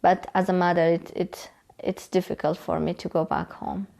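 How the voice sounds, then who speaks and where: Creaky, low-voiced woman. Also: level tone, normal speed, dark tone. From Afghanistan. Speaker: interviewee. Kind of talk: unscripted news interview.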